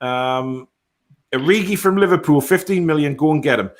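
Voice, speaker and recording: A man's voice: on the high side, normal speed. A man hosting a casual football fan chat, reading out viewer comments and answering them in a blunt, matter-of-fact way. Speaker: host of a football fan live stream.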